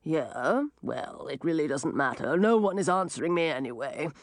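A woman's voice: low voice, lively intonation, moderate pace, no room sound, clean studio sound. A woman reading a storybook aloud and voicing a quarrelsome, grumbling male octopus. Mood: touchy. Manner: grumbling, touchy.

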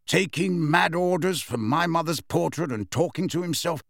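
A male performer raises his fairly high voice a bit above his natural pitch to play a proud, cold adult man who is impatient and curt, speaking sharply at a moderate pace. The recording is dry and studio quality.

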